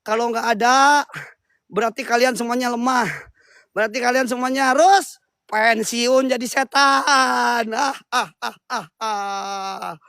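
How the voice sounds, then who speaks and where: A young man hosting a ghost-hunt vlog in a forest at night, calling out loudly and bantering in slang with his crew. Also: extremely high pitch, fairly even intonation, unhurried, creaky, no echo, clean studio sound. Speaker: ghost-hunting vlogger.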